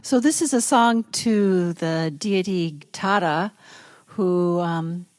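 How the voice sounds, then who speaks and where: A woman musician calmly introducing a song, gentle and reflective, softly trailing off. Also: on the low side, takes it slowly, dry recording. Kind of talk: calm spoken song introduction.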